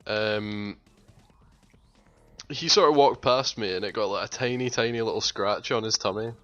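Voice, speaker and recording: A man's voice: lowish voice, normal speed, a bit bright, highs cut off, faint music behind. A Scottish man chatting casually over a game, teasing his friend in a dry, sweary way. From Scotland. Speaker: gaming channel co-host. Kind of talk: casual gaming chat.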